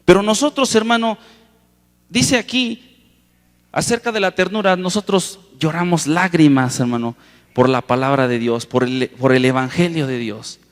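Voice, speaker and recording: A man with a slightly high voice preaches an impassioned sermon, repeatedly calling the congregation "hermano." He stretches key words out slowly for emphasis and breaks into sudden loud rises, his voice echoing through a large auditorium with long reverb.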